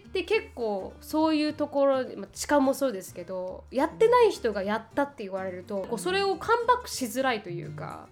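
A woman's voice: high-pitched, big pitch swings, fairly quick, few pauses, faint music behind. A woman co-hosting a casual podcast chat who walks through news stories at length and reads out quotes. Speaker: podcast co-host.

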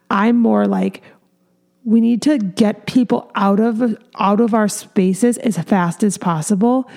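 A woman's voice: medium pitch, dark tone. A woman in her thirties, a salon owner and hairstylist, talking candidly in a casual podcast chat with many fillers. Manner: earnest, candid, lots of fillers.

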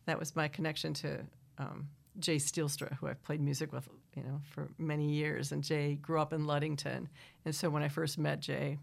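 Rambling middle-aged woman, slightly low voice. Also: flat delivery, moderate pace, vocal fry. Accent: Wisconsin. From Wisconsin. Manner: rambling, self-interrupting, laughs often. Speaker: singer-songwriter guest. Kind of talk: casual interview chat. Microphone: studio microphone.

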